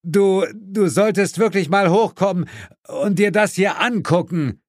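A man's voice: mid-range voice, expressive, a little slow, no room sound, studio quality, pitched above the performer's own voice. A man voicing the hero's matter-of-fact male partner, who calls out plainly.

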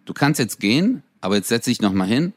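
A man's voice: mid-range voice, very animated, brisk. A man co-hosting a comedy podcast in a loose, casual chat full of slang and fillers. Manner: laid-back, lots of fillers and slang. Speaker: podcast co-host.

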